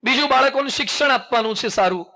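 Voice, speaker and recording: High, bright-voiced Gujarati monk preaching. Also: male voice, quick pace. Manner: folksy storytelling with jokes and call-and-response; mixes English phrases into speech. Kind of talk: sermon.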